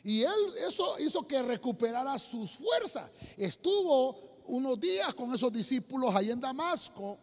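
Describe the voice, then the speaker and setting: A man preaches a sermon to his congregation in a very high, lively voice that swings up and down. He keeps repeating words and turns to address his listeners directly, and long hall reverb trails every phrase. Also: normal speed, few pauses. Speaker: pastor. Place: church sanctuary.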